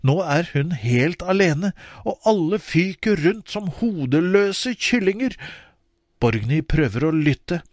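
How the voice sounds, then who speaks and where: Expressive male audiobook narrator. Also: no room sound, studio quality. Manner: expressive, with wide swings in pitch. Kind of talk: scripted children's audiobook narration.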